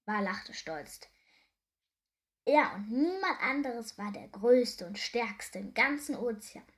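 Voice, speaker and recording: A young woman reading a children's story aloud, lively and expressive. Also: on the high side, slow pace. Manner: lively, warm storybook narration.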